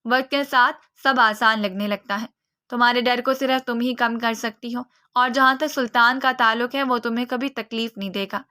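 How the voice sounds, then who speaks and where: A woman voicing a calm, soothing young friend. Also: fairly high pitch. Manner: soft, soothing.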